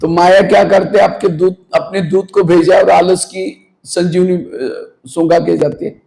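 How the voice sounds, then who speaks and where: Captured on a low-quality recording, a male spiritual teacher with a high, creaky, warm voice speaks at a measured pace in a steady tone. Before a live audience in a meditation hall, he delivers an earnest discourse full of rhetorical questions and now and then scolds the drowsy.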